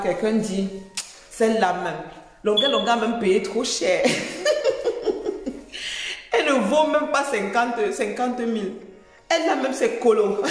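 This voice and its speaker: A woman with a Cameroonian accent giving informal online commentary in a scolding, mocking manner, often repeating phrases for emphasis. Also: mid-range voice. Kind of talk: informal spoken commentary video. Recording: very echoey, long reverb.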